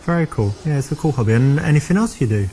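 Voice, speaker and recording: A man's voice: a little high, expressive, fast, warm tone, a little hiss or hum. A man from England with a London accent, a dating coach chatting breezily and then explaining his approach, with plenty of "you know" fillers. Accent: London English. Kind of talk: demonstration chat with coaching asides to camera.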